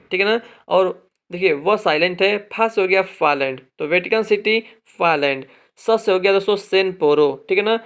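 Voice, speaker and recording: A man teaching an exam-prep lesson, explaining memory tricks and checking in with listeners after nearly every phrase. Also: high-pitched. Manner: explains mnemonic tricks, repeats "ठीक है ना" often; addresses viewers as friends, drawn-out repetitions of key phrases.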